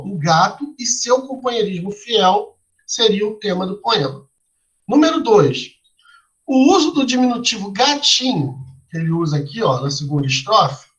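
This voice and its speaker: A man's voice: high-pitched, fairly bright tone, rough recording. A male teacher explaining a lesson step by step to a class, asking them questions and tagging his lines with "né?" and "tá?". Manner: tags lines with "né?" and "tá?".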